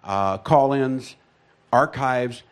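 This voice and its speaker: A man's voice: medium pitch, very slow, smooth. A man, a guest who manages an internet radio network, chatting enthusiastically before a live audience. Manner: enthusiastic, storytelling.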